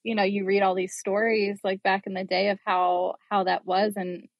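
A woman's voice: medium pitch, level tone, moderate pace, dry recording. A woman in her thirties co-hosting a podcast, talking earnestly in a chatty way and filling her speech with "like.". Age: 30s. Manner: chatty, earnest, heavy use of "like". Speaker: podcast co-host. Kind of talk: casual interview chat. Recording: dull lo-fi sound.

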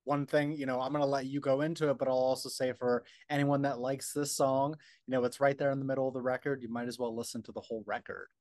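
A man's voice: medium pitch, flat delivery, quick pace, few pauses, a little mellow, no echo, clean studio sound. A man interviewing a guest in a friendly, agreeable way, with casual fillers.

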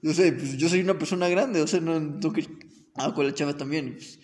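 A young man with a Mexican accent, telling a story in an animated, slangy, self-mocking way. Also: a little high, fairly quick, big-room sound. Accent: Mexican Spanish. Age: young adult. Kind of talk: casual storytelling chat.

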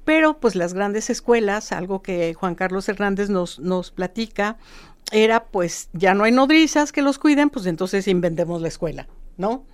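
A woman, a guest expert explaining history in lively, casual conversation, often tagging lines with a questioning "no". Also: medium pitch, moderate pace, smooth. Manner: lively storytelling with repeated "¿no?" tags.

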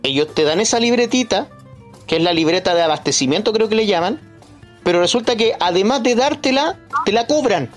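A man commenting as a guest in a podcast discussion, emphatic and deliberate. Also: high-pitched, animated, faint music behind.

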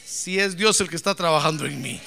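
A man's voice: on the high side, brisk, creaky, pushed and bright, faint music behind. A man preaching a sermon as pastor, emphatic, calling on the congregation to answer back and slipping in joking asides.

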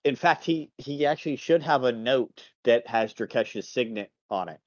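A man doing a shrewd captive spy, steady and measured in his answers. The sound is dull and lo-fi, with a very dry, close feel. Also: mid-range voice, no room sound, lightly acted. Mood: matter-of-fact. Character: shrewd male captive spy, calm and loyal to his lord. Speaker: game master. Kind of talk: tabletop role-play.

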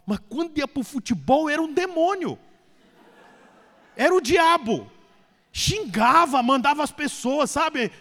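A man's voice: extremely high pitch, a bit bright, in a large hall. A man with a Brazilian Portuguese accent, preaching a sermon as a pastor, chatty and joking, then rising to emphatic preaching. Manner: conversational, joking storyteller who rises to emphatic preaching. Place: church.

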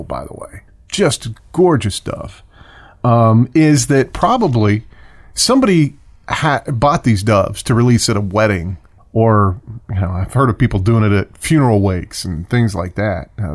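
A man hosting a casual birding podcast, talking in a rambling, chatty way with self-corrections and short rants. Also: mid-range voice. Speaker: podcast host. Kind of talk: casual solo podcast talk.

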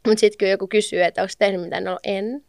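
A woman with a Finnish accent co-hosting a podcast in casual chat, relaxed and agreeable. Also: medium pitch, creaky, no room sound, studio quality.

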